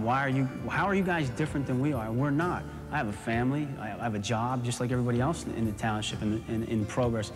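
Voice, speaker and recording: Fast-talking American man, music behind. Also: medium pitch. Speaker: fire captain. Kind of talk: documentary interview with anecdotes. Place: fire station beside a truck, music behind.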